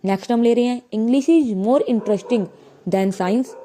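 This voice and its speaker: Mellow-voiced woman teaching grammar. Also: on the high side, a little hiss or hum. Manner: explains slowly, asking and answering her own questions. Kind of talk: grammar lesson.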